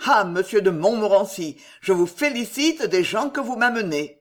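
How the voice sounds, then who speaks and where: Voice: medium pitch, sing-song, moderate pace, darkish tone, close to an everyday voice. A reader voicing an imperious young king who growls out his commands in an audiobook. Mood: furious.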